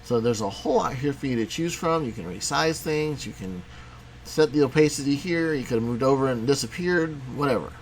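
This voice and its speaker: A man teaching a programming lesson in a casual, conversational way, talking as he clicks through software. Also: mid-range voice, animated, a little fast, slight background noise. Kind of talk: screen-recorded coding tutorial.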